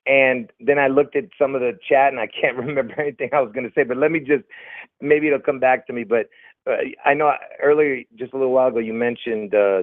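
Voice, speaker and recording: A man's voice: medium pitch, no echo. Rambling man on a tinny line. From Lebanon. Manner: rambling, hesitant, many fillers. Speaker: guest. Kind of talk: casual conversation.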